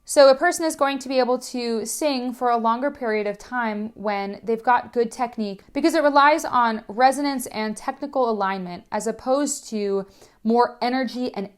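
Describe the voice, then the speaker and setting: Young adult woman, voice teacher, clear explanatory delivery, pitched a touch high. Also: normal speed. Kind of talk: educational lesson.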